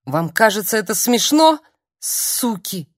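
A woman reading an audiobook, voicing a distraught grown woman who shouts hoarsely at a visitor at her door. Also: lowish voice, slow, no room sound, clean studio sound, heavily acted. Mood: furious. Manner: hoarse, shrieking outbursts.

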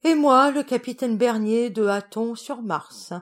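A woman's voice: fairly high pitch, unhurried, pitched above the performer's own voice, lightly acted. A woman reading a tired, blustering one-eyed Martian captain. He sounds baffled and worn out, a storybook spaceman in plain tones.

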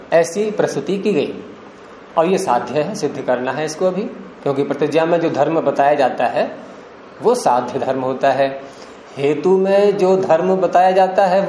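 In an echoey room with faint hiss, a Nyaya philosophy teacher takes his class through classical Indian logic and grammar step by step, putting questions to his students. His voice is on the high side and a little mellow.

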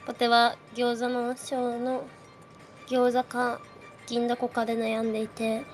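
A woman's voice: fairly high pitch, monotone, measured pace. A young woman hosting a live audio space, greeting listeners in casual chat, her voice shaky and nervous with frequent little laughs.

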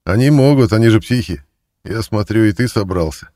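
A man's voice: fairly low pitch, lively intonation, fairly quick, pitched above the performer's own voice, natural voice. A man playing a brash, cocky thief in a cell. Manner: loud, cocky and demanding. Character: brash streetwise male thief, a prisoner.

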